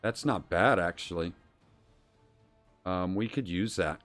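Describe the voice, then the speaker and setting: A man's voice: low voice, takes it slowly, fairly bright tone, faint music behind. A man streaming a role-playing game, casually thinking aloud and reading out game text as he plays.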